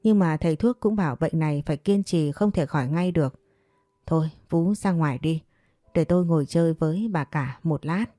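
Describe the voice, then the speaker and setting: A woman's voice: sits low, a little fast, dark tone, dry recording, clean studio sound, natural voice. A woman voicing a scheming second wife who speaks in a sugary, coaxing way. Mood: sweetly scheming.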